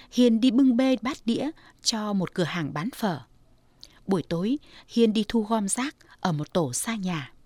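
A woman narrating a scripted story in a steady, measured voice. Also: medium pitch, no room sound.

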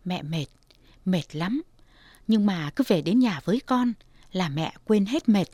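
A woman voicing a weary, hardworking mother in her forties who speaks low and tenderly. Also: expressive, a little slow, darkish tone, no echo.

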